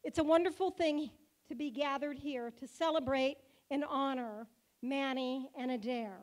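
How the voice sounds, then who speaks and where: A woman, the synagogue president, giving a joking, warm-hearted speech at a banquet held in a car museum hall. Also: high-pitched, normal speed. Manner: playful, joking speaker.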